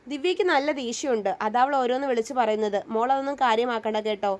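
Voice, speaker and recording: Woman voicing a soft motherly mother-in-law, high voice. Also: fast, lightly acted. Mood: gentle. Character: kind middle-aged mother-in-law, gentle.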